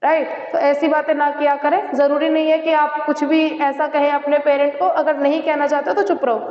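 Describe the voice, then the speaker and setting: A Hindi teacher with a high, fairly flat voice leads an online exam-prep class at a brisk pace, mixing in English phrases and repeating "theek hai" and "right?" She checks in with students after nearly every point and advises them directly. The lo-fi, dull recording echoes with a long reverb tail.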